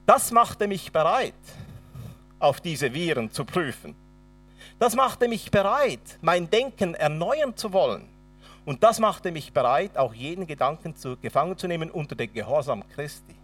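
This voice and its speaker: A man's voice: on the high side, sing-song, moderate pace, a bit bright, distant mic. A man with a Swabian accent preaching a sermon and telling his own testimony, acting out the dialogue dramatically. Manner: dramatic storyteller, acts out dialogue.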